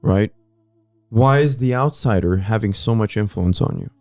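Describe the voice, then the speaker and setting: A man's voice: fairly low pitch, normal speed, darkish tone, no echo. A man co-hosting a casual history podcast, pressing his argument with pointed questions and often cutting in. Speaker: podcast co-host.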